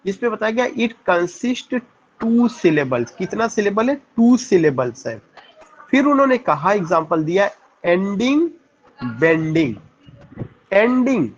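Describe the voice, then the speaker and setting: A man with an Indian accent teaching English poetry. He explains slowly, mixing Hindi and English, and asks questions that he answers himself. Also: high-pitched. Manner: mixes Hindi with English phrases. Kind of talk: classroom lecture. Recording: muffled lo-fi lecture recording.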